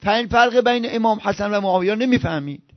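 A man preaching an impassioned sermon. He swings from loud outbursts to hushed murmurs and chants scripture in a slow recitation. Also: high-pitched, dry recording, dull audio.

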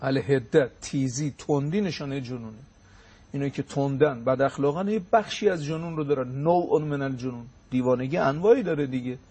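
A man giving a religious talk on a show. He recites sayings slowly in Arabic and then explains them briskly. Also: medium pitch, a little mellow, breathy edge. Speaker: religious lecturer.

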